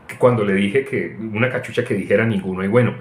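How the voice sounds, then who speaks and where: A man's voice: fairly low pitch, fast talker, slight background noise. Preacher man, echoey room. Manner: animated, tells anecdotes, mocks voices, frequent laughs. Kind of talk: informal sermon with personal stories.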